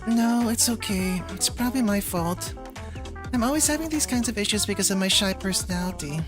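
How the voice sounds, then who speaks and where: A woman's voice: mid-range voice, fairly quick, pitched above the performer's own voice, natural voice. A woman voicing a shy, anxious young girl from a game, with a hesitant, stammering delivery. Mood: timid, anxious. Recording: music behind the voice.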